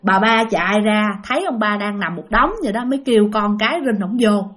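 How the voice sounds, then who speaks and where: A woman's voice: medium pitch, a little fast, background noise. A woman with a Southern Vietnamese accent telling a ghost story, speaking directly to her listeners and repeating herself for effect.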